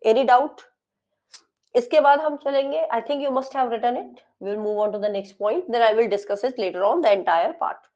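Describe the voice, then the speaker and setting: A woman teacher with a fairly high voice who dictates at a very slow, deliberate pace. She stretches English phrases out word by word, then explains them in quicker Hindi. The recording is a bit dull and lo-fi. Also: darkish tone. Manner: explains in quick Hindi with frequent checks like "ठीक है?". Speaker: English exam lecturer. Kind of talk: classroom lecture mixing Hindi and English.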